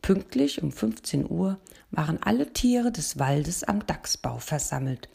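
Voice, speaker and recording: A woman reading a children's animal story aloud in a calm, measured way. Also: fairly low pitch, vocal fry, slightly rough.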